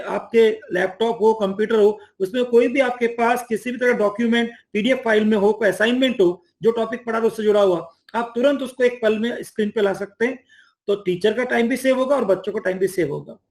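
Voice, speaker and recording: High-pitched man explaining eagerly. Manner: enthusiastic, acts out teacher and student lines. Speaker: education platform mentor. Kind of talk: explaining conversationally.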